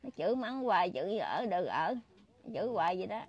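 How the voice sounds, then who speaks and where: A woman's voice: on the low side, big pitch swings, brisk, dull audio. An elderly woman in her late seventies speaks with a Mekong Delta accent. She sounds tearful and plaintive. She keeps circling back to the same complaints in a street interview. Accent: Mekong Delta Vietnamese. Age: 70s. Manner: plaintive, repetitive complaining, breaks into crying.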